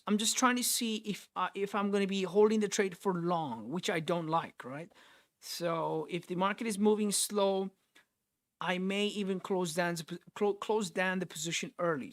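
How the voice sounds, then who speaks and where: This is a young Nepali man with a high voice, running a live trading stream. He talks through his trades and answers chat, frequently repeating and restarting phrases while thinking aloud.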